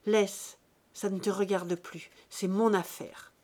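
A woman's voice: mid-range voice, steady tone, slow, a little mellow, natural voice. Woman voicing an indignant old peasant man. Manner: indignant, scolding. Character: angry old male peasant with cane.

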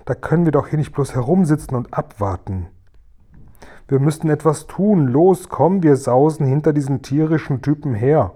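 A man voicing a spirited, outspoken little girl from a storybook, pitched up and eager. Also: lively intonation, moderate pace, mellow, close to an everyday voice. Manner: eager, raised and higher voice.

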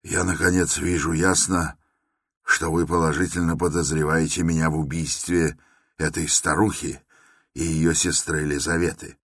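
A man's voice: extremely low pitch, fairly even intonation, normal speed, a bit bright, no room sound, studio quality, exaggerated voice. A man voicing a tense, defiant young man. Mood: cold, defiant.

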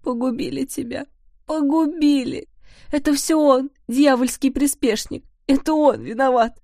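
A woman's voice: high voice, steady tone, moderate pace, dark tone, dry recording, voice pushed up. A woman narrator voicing a grief-crazed mother who wails and hurls accusations in a dry studio recording. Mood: wailing. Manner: wailing, shrieking accusations.

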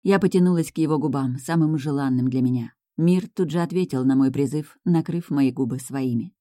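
Calm first-person audiobook reader, measured pace, warm mellow tone, close dry studio sound. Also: medium pitch, dry recording. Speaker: audiobook narrator.

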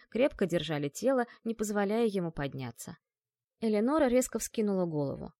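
Female audiobook narrator, measured and expressive, dry close recording. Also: medium pitch, no room sound. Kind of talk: scripted narration.

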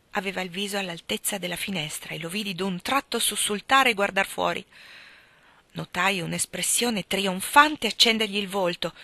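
Brief: woman audiobook narrator, measured and calm, bright tone, close mic. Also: medium pitch, no room sound. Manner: measured, calm, firm in dialogue. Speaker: audiobook reader. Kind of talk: literary audiobook narration in first person.

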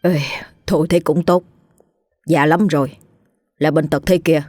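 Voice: medium pitch, steady tone, normal speed, a little mellow, no room sound, natural voice. A callous, self-serving village husband in a spoken ghost story, as the narrator plays him. He talks offhandedly and half under his breath, in a dry, close recording with faint music behind.

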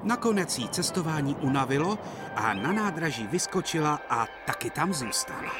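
A man narrating a dubbed children's series in a gentle, expressive storytelling manner. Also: fairly high pitch. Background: music.

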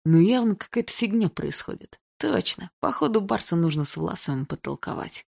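A woman's voice: lowish voice, expressive, normal speed, gravelly, a little mellow, breathy edge, full character voice. Storybook part: grumpy schoolboy, muttering complaints as a woman reads him. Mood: annoyed. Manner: annoyed, grumbling. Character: irritated teen boy eavesdropper.

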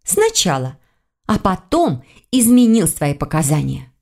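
A curious young woman, lifting her voice brightly in an audiobook scene, as a female narrator puts her on. The tone is a touch lower and mellow by nature, yet she speaks up with lively rises and falls. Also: unhurried, gravelly, full character voice.

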